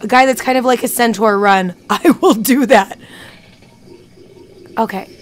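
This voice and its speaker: Chatty woman streamer, excitable. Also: on the high side, a little slow. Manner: chatty, excitable, thinks out loud. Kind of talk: live gameplay commentary.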